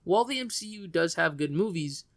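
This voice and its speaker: Male vlogger, light-pitched, frank and opinionated, casual film review delivery. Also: expressive, a little fast. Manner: opinionated and frank, with loose trailing phrasing.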